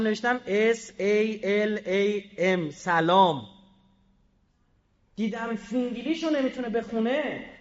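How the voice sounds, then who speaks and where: Male speaker, very high voice, combative rhetorical delivery, echoey hall, muffled recording. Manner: combative, with rhetorical questions and sudden swings between loud and quiet. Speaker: public speaker. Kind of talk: fiery public speech.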